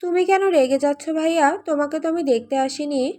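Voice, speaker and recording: A woman plays a playful young sister in a storybook romance, teasing and a little pouty. Her voice sits high and light. She argues with easy cheek. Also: fairly quick, darkish tone, lightly acted.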